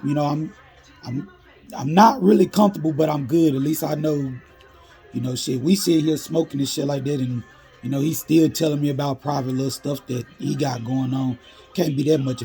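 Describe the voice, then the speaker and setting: A man's voice: a little high, creaky, warm tone. A man casually narrating a storytime in street slang, laid-back and full of "you know".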